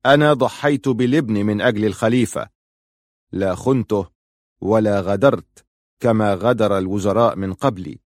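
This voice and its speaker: A man voicing a commanding male army chief, declaiming forcefully in an audiobook reading. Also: fairly low pitch, moderate pace, dry recording, clean studio sound, close to an everyday voice. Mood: assertive.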